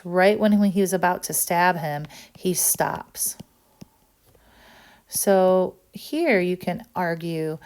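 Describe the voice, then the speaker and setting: A woman's voice: lowish voice, darkish tone. Woman teacher walking through a text. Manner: explanatory, many "um"s and "right?" checks. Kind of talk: recorded literature lesson.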